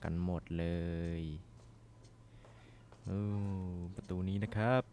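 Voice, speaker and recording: A young man commentating a horror game as he plays, swearing and shouting when startled. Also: deep voice, fairly even intonation, slow pace, creaky, a little hiss or hum. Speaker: gaming streamer.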